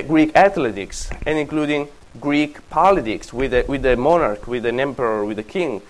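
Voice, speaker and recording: Man, university lecture, lively rising and falling pitch, thinks aloud. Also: poor audio. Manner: animated, thinks aloud, self-corrects. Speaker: classics lecturer.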